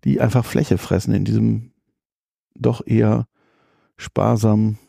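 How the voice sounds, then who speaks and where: A man talks in a relaxed, opinionated way, pausing often on fillers. His voice is gravelly and mellow. The recording is dry and close. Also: fairly low pitch, no echo. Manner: opinionated, critical, with many fillers. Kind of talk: casual chat about theme parks.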